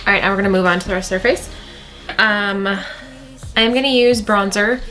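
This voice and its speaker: A woman at a middling pitch talks viewers through a makeup routine. She is chatty and casual, doubling up on words to stress a point. Soft music plays faintly behind her. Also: fairly quick. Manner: chatty, repeats words for emphasis. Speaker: beauty vlogger. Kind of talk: makeup tutorial talk.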